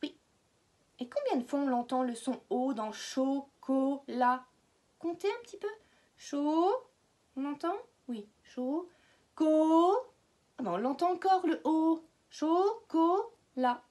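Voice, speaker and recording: A woman's voice: sits high, animated, moderate pace, a little mellow. A woman with a French accent, teaching a phonics lesson to small children and stretching words out syllable by syllable.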